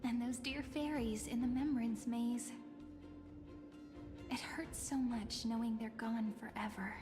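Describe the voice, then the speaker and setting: An actress playing a sweet, playful young woman in an anime-style game, teasing and gentle with theatrical delivery. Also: fairly high pitch, steady tone, measured pace, close to an everyday voice. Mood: tender, earnest. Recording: long reverb, music over voice.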